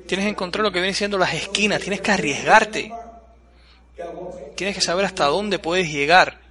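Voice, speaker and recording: A man giving a blunt, forceful motivational speech to a live audience, asking rhetorical questions. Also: sits high, moderate pace. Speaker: motivational speaker. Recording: crowd audible behind.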